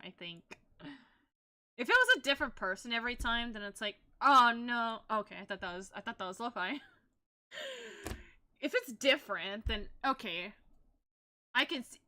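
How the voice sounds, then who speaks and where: A woman's voice: fairly high pitch, very animated, moderate pace, sharp tone. A young woman streaming as a VTuber, chatting casually while she paints, rambling and laughing often.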